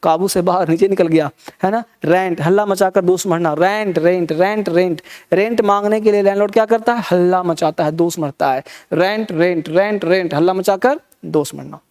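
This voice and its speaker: A man's voice: high-pitched, normal speed, darkish tone. A man teaching a vocabulary lesson, repeating words in rhythmic drills and leading the class in call-and-response. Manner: repetitive rhythmic drilling of word tricks.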